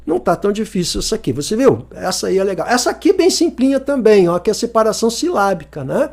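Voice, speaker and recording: Male teacher, higher voice, jokey and lively, talks straight to the viewer. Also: fast, vocal fry. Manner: lively, joking, asks the viewer questions often. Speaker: Portuguese teacher. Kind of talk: exam-review lesson.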